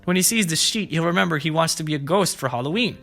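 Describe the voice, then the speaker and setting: A man's voice: on the high side, lively intonation, fast talker, creaky, a bit bright. A man hosting preschool story time, reading aloud and explaining things simply and expressively to young children. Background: background music.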